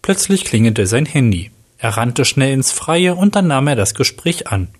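A man's voice: mid-range voice, very animated, moderate pace, breathy edge. Man reading a story plainly. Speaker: narrator.

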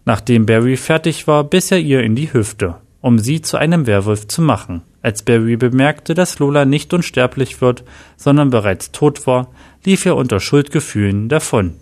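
A man's voice: medium pitch, a little mellow. Man reading a horror story aloud.

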